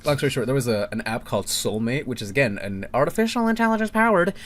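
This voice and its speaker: A man's voice: medium pitch, lively intonation, fast, fairly bright tone, a little hiss or hum. A young man co-hosting a casual podcast, talking animatedly with frequent laughs and stumbling restarts. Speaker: podcast co-host.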